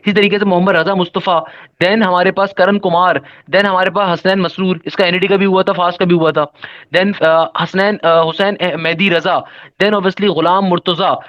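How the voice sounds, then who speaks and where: A man's voice: high voice, fairly even intonation, normal speed, a bit bright, highs cut off. A man, a test-prep teacher giving an upbeat guidance lesson and rattling off lists of students.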